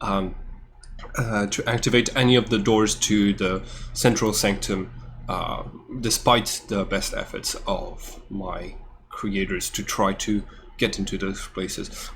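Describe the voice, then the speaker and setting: A man's voice: on the low side, fairly even intonation, a little slow, slight background noise, close to an everyday voice. A man voicing a helpful male robot with a voice modulator, formal and hesitant, full of fillers. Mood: polite. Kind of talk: tabletop role-play in character.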